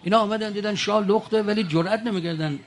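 A man's voice: high-pitched, slight background noise. An older man speaking to an audience in a colloquial storytelling manner, with mocking asides.

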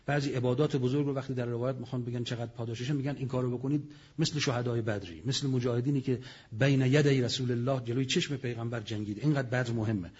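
A man's voice: medium pitch, fairly even intonation, a little mellow, husky, lo-fi sound. A man giving a religious lecture, telling history with dramatic storytelling and sudden raised outbursts. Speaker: preacher.

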